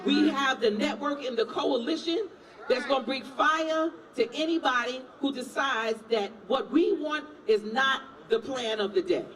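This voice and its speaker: A man's voice: very high-pitched, a little slow, fairly bright tone. A man, an elected assembly member, giving a fiery rally speech with call-and-response. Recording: distant mic with a noisy crowd.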